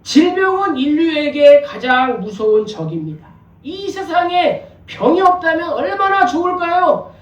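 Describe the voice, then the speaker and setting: A male pastor preaching a sermon in a conversational way, asking rhetorical questions and joking with the congregation. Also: very high voice. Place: church sanctuary. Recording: echoey church from a distance.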